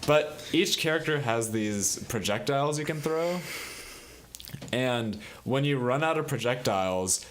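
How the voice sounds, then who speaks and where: A young man co-hosting a casual podcast, explaining a game in halting starts and repeated words, with hiccups. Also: medium pitch, lively intonation, fairly bright tone, a little hiss or hum. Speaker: podcast co-host. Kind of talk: casual chat among friends.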